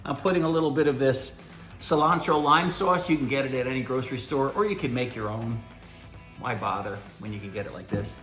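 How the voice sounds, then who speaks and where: A man's voice: mid-range voice, fairly quick, a bit bright, reverberant, soft background music. A middle-aged man hosting a casual vlog, tasting a meal he cooked, with a folksy, enthusiastic manner. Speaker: host.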